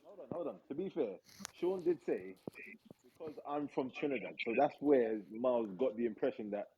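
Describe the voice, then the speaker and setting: A man trying to calm and mediate a casual football debate. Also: medium pitch, normal speed, dull audio, a little hiss or hum. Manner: calming, mediating.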